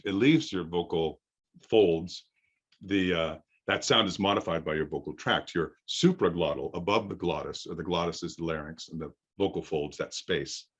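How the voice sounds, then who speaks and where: Deep, firm-voiced middle-aged man teaching. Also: husky, muffled recording. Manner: explanatory, halting with pauses for thought. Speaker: voice acting coach. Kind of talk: informal workshop lecture.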